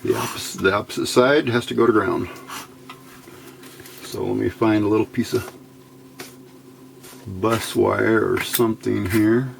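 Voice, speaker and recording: A fairly low, gravelly voice, mostly even in intonation and slightly slow, pauses often as this electronics hobbyist mutters through an unscripted build. He hosts the casual tutorial from an indoor workbench, with background noise audible.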